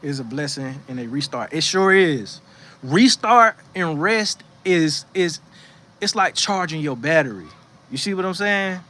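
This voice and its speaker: The voice is on the high side, animated and bright with a forceful edge, though the pace stays measured. It belongs to a man hosting a faith livestream from a rocking chair on his porch outdoors, reading the chat and sharing casual spiritual encouragement. He sounds preachy and conversational, restarting often and saying "you know what I'm saying" a lot.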